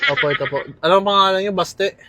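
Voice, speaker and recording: A man's voice: high-pitched, animated, fast talker, a crowd in the background. A man playing a ride-hailing driver who stays polite while growing exasperated, in a comedy skit. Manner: polite but exasperated, uses po and ho. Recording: music playing underneath.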